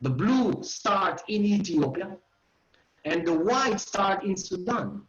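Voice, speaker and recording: A man in his forties with an Israeli accent gives an online history lecture from his living room, speaking as an educational tour guide in simple phrasing aimed at his listeners. His voice sits high and is expressive and a bit bright, with a slow pace. The video-call audio sounds roomy and slightly dull.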